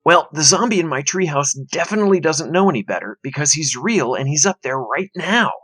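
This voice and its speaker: A man's voice: on the high side, animated, a little fast, fairly bright tone, slightly rough, no echo. A man as a glum, wry young boy. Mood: wry resignation. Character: glum, matter-of-fact imaginative young boy.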